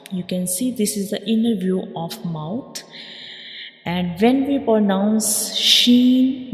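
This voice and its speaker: A woman's voice: medium pitch, roomy sound, in a large hall. A woman teaching Quran letter pronunciation step by step, repeating each point and modeling the sounds. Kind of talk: slow step-by-step pronunciation lesson.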